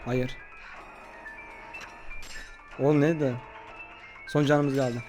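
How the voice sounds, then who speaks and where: Over background music, a man chats casually with a friend in a let's-play, taking a bossy tone as he gives instructions and complains. He speaks extremely slowly in a mellow, mid-range voice with little pitch movement.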